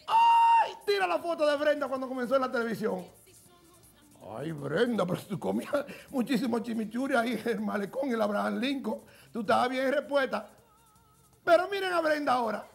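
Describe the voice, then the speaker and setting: A man playing a flamboyant gossip queen hosts a comedy TV segment, all camp theatrics and endless endearments. The voice sits high with a gravelly fry, and soft music plays faintly under it. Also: lively intonation, normal speed, heavily acted. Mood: gossipy. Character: flamboyant gossipy woman TV presenter. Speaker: comic TV gossip presenter.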